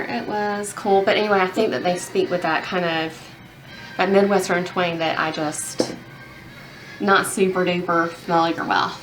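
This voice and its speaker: A woman's voice: medium pitch, fairly bright tone. A young woman chatting casually as a beauty vlogger while painting her nails, rambling along with lots of fillers.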